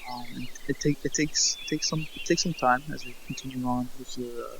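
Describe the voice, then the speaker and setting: A man runs a tabletop game session in a halting, stammering way. His voice sits at an ordinary pitch, and faint crickets and outdoor ambience hum behind him. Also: steady tone. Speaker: game master.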